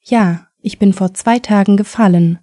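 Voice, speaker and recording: An adult male patient with a hurt arm, read by a woman in a mellow, dry, plain voice. He asks questions in an even, unhurried way. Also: high-pitched, no echo, close to an everyday voice.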